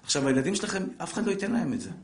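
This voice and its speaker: A middle-aged man giving a live religious lesson, lively and joking, speaking straight to his listeners and acting out family scenes. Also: fairly high pitch. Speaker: Torah teacher. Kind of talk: live Torah lesson to an audience. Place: class room with a live audience. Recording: echoey room.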